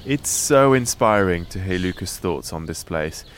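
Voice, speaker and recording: A man's voice: low-pitched, lively intonation, a little slow. A man hosting a travel show, describing places outdoors with enthusiastic, vivid narration. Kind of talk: travel presenting.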